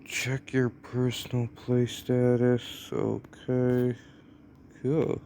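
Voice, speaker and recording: Speaking with vocal fry and drawn-out words, a young American man narrates his mobile gameplay in a flat, dark-toned, mid-range voice. He wanders and hesitates, using lots of fillers, and there's slight noise in the background.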